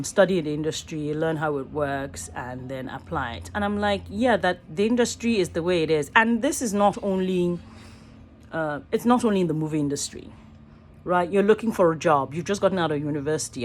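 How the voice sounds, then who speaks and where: A deep-voiced, middle-aged Nigerian woman who works as an actor and voice artist muses earnestly in a rambling selfie vlog from a small room. She often stops to rephrase herself, recorded on a phone at arm's length with slight background noise.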